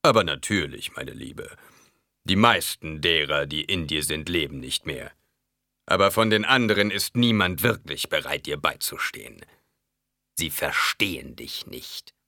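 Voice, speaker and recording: A man voicing a grossly fat, sly old male baron who speaks low and slow and sinks into oily whispers. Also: expressive, sharp tone, no room sound, clean studio sound, full character voice. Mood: wheedling.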